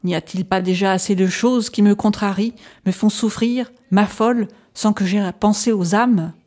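A woman's voice: mid-range voice, fairly even intonation, moderate pace, a little mellow, close to an everyday voice. A woman reading aloud, voicing a volatile male asylum inmate who swings between scorn and pleading. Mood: furious. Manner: erratic, flaring into outbursts then pleading. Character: agitated middle-aged male asylum patient.

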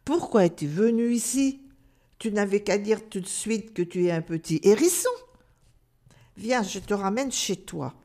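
A woman voicing a busy grown male squirrel in a storybook, talking briskly and scolding. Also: medium pitch, lively intonation, mellow.

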